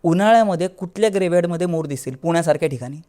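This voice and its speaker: Guy on a podcast telling his spooky story, voice a bit on the high side, chatty, stops and restarts, does the voices of people in it. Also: animated, rapid-fire, dark tone. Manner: vivid, acts out dialogue; conversational, with restarts. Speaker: podcast guest. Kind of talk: first-person horror storytelling.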